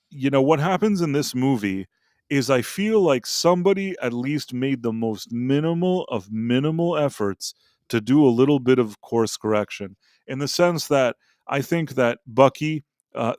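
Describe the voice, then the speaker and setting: A man co-hosts a pop culture talk stream in a medium-pitched, darkish voice, offering blunt opinions in casual chat that rambles with lots of restarts and fillers. The audio is studio quality with no room sound.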